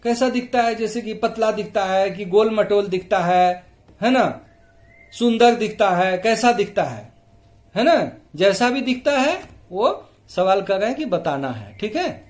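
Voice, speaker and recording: A man's voice: sits high, lively intonation, unhurried. A male teacher explaining a storybook lesson to children, patiently quizzing the class and checking they follow. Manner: patient, asks the class questions, tags "है ना" often.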